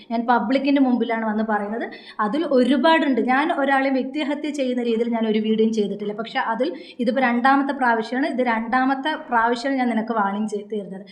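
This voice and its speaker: A woman vlogger giving a direct-to-camera rebuttal into a phone, scolding a rival and firing off rhetorical questions. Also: a little high. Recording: echoey room.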